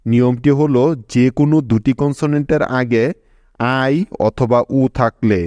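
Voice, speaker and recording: A man's voice: medium pitch, steady tone, normal speed, mellow, no room sound, dull audio. A man teaching English spelling rules to pupils, patiently repeating each step and stopping to check they understood. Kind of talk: scripted teaching narration.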